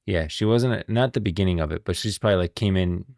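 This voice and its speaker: A low-pitched man talks fast in a slightly mellow voice, recorded with studio quality and no echo. He's a streamer hosting casual game lore commentary, rambling, thinking aloud and often repeating himself.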